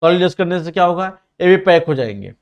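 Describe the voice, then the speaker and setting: A man with a slightly high voice walks students through a ring design in CAD software, narrating each click and command as he goes. He explains plainly and directly to his learners, with a Mumbai Hindi accent. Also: sing-song, muffled recording. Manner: says he sometimes talks fast. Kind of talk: screen-recorded software tutorial.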